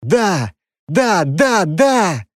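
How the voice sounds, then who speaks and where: A man's voice: sing-song, normal speed, a little mellow, no echo, studio quality. A man doing a gushing lovesick young prince. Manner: eager, gushing, raised pitch.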